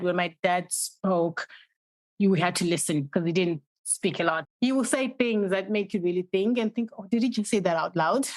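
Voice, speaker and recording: A woman in her forties from Zimbabwe tells stories as a guest on a podcast. She talks warmly and laughs often, her voice jumping up when she quotes others, heard in a dry, close recording. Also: medium pitch, no echo, rough recording. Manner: laughing, storytelling, animated when quoting. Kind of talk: casual interview chat.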